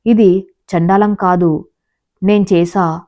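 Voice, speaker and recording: A woman's voice: lowish voice, steady tone, takes it slowly, warm tone, dry recording. A woman voicing a childlike, simple-minded young wife in a told story.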